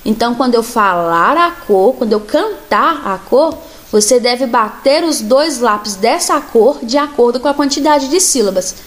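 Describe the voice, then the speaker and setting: A woman, a music teacher calmly explaining a children's musical game step by step. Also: fairly high pitch. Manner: slow, patient, clearly spelled-out instructions. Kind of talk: children's music lesson instructions.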